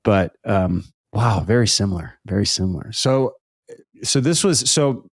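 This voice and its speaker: A man's voice: lowish voice, lively intonation, measured pace, dry recording, studio quality. A man in his thirties hosting a podcast, talking casually and rambling with repeated words and fillers. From Brazilian family background. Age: 30s. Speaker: podcast host. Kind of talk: casual conversational interview.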